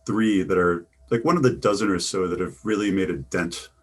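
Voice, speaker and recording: A middle-aged man with a Chicago accent speaks in a low voice, a little fast. He's a business coach appearing as a guest, answering interview questions thoughtfully and often repeating words as he restarts.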